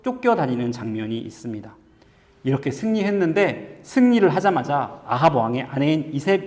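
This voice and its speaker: A male pastor with a medium-pitched, darkish voice gives an earnest sermon in a conversational, storytelling way, moving from a personal anecdote into scripture. A long reverb tail follows his words.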